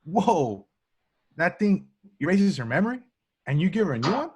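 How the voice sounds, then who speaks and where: A man's voice: high-pitched, very animated, normal speed, a little mellow, husky, full character voice. A man reading the part of a brash, skeptical young rookie agent at an amateur table read, informal and incredulous. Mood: amazed, skeptical.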